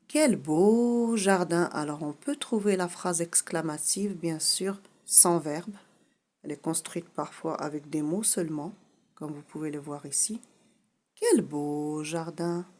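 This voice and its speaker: A middle-aged woman gives a grammar lesson in a low voice. She talks slowly and patiently, stopping often to repeat the point she wants her students to remember. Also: darkish tone. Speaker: French teacher. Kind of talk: slow explanatory lesson.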